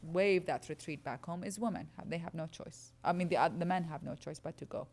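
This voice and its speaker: A woman's voice: lowish voice, a little fast, a little mellow. A woman from Iraq, earnestly explaining as a guest speaker answering audience questions at a lecture.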